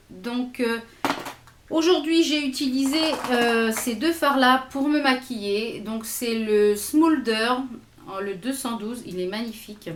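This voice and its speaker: A woman's voice: on the high side, echoey room, slight background noise. A woman vlogger chatting casually and hesitantly through a makeup haul, swatching products as she goes. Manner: chatty, hesitant with many fillers, swatching products on her arm. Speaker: beauty vlogger.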